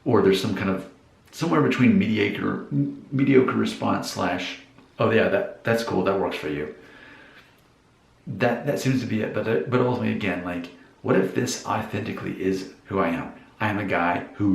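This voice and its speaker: A forties-aged vlogger talks through his thoughts with viewers in a casual monologue, musing and second-guessing himself. His low-pitched voice carries vocal fry, and the recording is reverberant.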